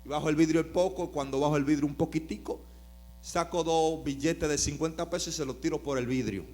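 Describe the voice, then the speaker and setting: A man preaching a storytelling sermon, swinging from loud emphatic bursts to quiet narration. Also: on the high side, fairly quick.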